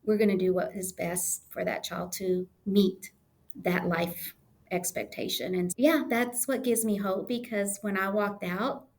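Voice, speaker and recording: A woman's voice: medium pitch, fairly even intonation, a little slow. A woman, a guest on a podcast, telling a heartfelt story with earnest emotion and acted-out quotes. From United States. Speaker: podcast guest, testing coordinator. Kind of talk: conversational storytelling interview.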